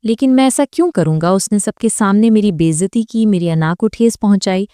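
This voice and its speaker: A woman voicing a proud, brooding young man who is the hero of a romance audiobook, speaking stern and then tender, without lowering her own voice. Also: animated, dark tone, dry recording, studio quality, natural voice.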